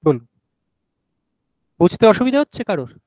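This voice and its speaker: A man's voice: high voice, very animated, normal speed, dark tone, no room sound, poor audio. A male teacher giving a grammar lesson to a class, explaining step by step and often asking whether everyone has understood.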